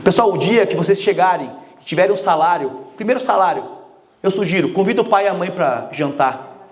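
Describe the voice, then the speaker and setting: A man giving a motivational talk, energetic and joking, speaking straight to the audience. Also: high-pitched, fairly quick.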